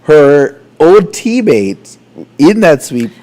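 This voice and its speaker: A Canadian man co-hosting a casual podcast tells stories with laughter, acting out the quotes as he goes. His voice is a little high, and he draws out his words. He is an animated, laughing storyteller in a relaxed chat.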